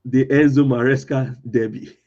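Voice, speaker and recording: A man hosting a casual football chat in a tinny voice with no bass, hesitant and full of fillers and restarts. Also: fairly even intonation, moderate pace, darkish tone. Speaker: podcast host. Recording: thin lo-fi audio lacking bass.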